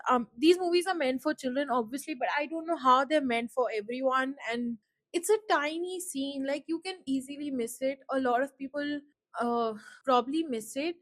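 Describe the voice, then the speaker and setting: A woman with a high-pitched voice hosts a solo podcast in a dry recording. She speaks casually, reflecting and rambling with lots of filler words. Her voice chokes up with emotion, and she sounds close to tears.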